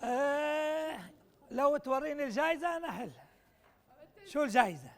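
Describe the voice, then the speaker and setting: A man's voice: extremely high pitch, lively intonation, normal speed. A man running a puzzle exercise at a conference workshop, teasing and urging participants, mixing Arabic and English. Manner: playful, teasing, urging people on; switches between Arabic and English.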